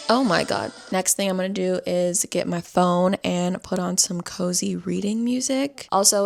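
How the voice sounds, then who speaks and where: Chatting casually for her vlog, a young woman speaks in a gravelly voice on the low side. She's a bit stuffy-nosed and often lowers her voice to a whisper.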